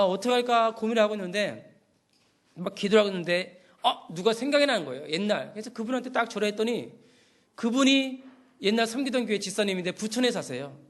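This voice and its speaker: A middle-aged man preaching a sermon as pastor, telling stories with acted-out phone calls and lively shifts in voice. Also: sits high.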